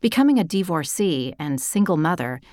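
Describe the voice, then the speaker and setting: A woman reading a novel aloud in a measured storytelling manner. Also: on the low side, big pitch swings, a little mellow, no echo, clean studio sound. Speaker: narrator. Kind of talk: scripted narration of a novel.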